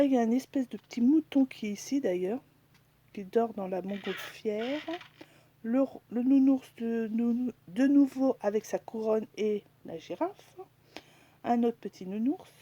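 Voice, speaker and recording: A woman's voice: fairly high pitch, warm tone, lo-fi sound. A woman chatting casually in a haul video, hesitant and full of fillers, now and then dropping to a whisper as she shows each item. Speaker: crafting vlogger.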